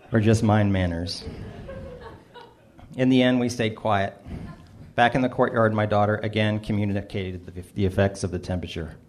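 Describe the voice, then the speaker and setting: A middle-aged man with a slightly low voice tells a funny story about himself. His delivery is dry and wry, and he mocks himself as he reads his own essay. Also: a little mellow. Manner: dry, self-mocking delivery with small laughs. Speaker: narrator reading his personal essay. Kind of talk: first-person storytelling, wry and humorous.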